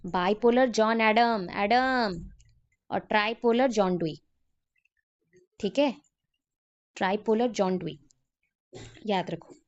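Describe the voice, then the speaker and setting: A woman's voice: mid-range voice, slow pace, long pauses, muffled recording. A woman teacher lecturing a class in a classroom, who repeats key names and quizzes her students.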